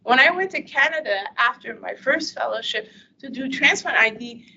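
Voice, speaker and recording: A woman's voice: sits high, lively intonation, normal speed, gravelly, pushed and bright. A woman physician giving a case-based medical lecture in a chatty, anecdotal storytelling manner. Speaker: infectious disease physician lecturing. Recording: dull lo-fi audio with faint hiss.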